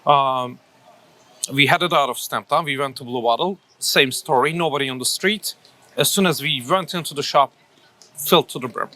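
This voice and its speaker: A man's voice: medium pitch, normal speed, bright, forceful tone. A man from Turkey in his thirties, a coffee shop owner answering interview questions thoughtfully, with many fillers and restarts.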